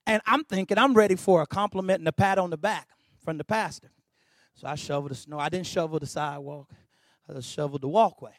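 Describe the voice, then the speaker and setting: A man preaching a sermon, swinging from shouted, rising peaks into quiet storytelling asides. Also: fairly high pitch, fast talker, dry recording. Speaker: pastor.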